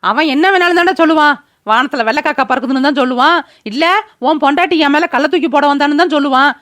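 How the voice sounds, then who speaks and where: A woman voicing a sharp-tongued old grandmother who scolds her son, in a cartoon. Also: sits high, no echo. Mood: scolding. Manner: scolding, rapid-fire. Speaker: mother-in-law. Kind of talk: cartoon voice acting.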